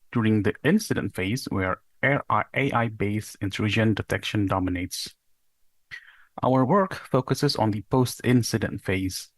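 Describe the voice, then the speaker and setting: A young man from Indonesia presents his doctoral research in a recorded conference talk. His voice sits on the low side, and he explains step by step, sometimes posing rhetorical questions. The recording is dry and close, with no room sound. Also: no room sound.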